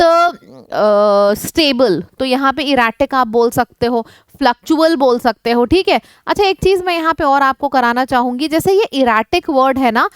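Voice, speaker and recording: High-voiced Indian woman teaching vocabulary. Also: no room sound, clean studio sound. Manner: lively, asks the class questions and repeats synonyms in lists; switches between Hindi and English. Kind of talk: online class explaining English words in Hindi.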